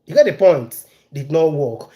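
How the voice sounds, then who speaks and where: A man's voice: fairly high pitch, sing-song, moderate pace, muffled recording. A man with a Nigerian accent talks casually to his live-stream audience. He presses his points hard and repeats key phrases again and again. He breaks off now and then to greet viewers and answer their questions in the chat. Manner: emphatic and repetitive, hammers key phrases. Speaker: news commentary live streamer.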